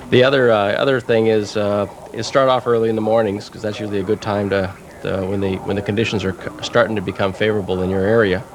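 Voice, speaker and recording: A man who is a radio amateur gives hesitant advice in an interview and often restarts his sentences. His voice is low and monotone. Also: fast talker. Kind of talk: casual interview.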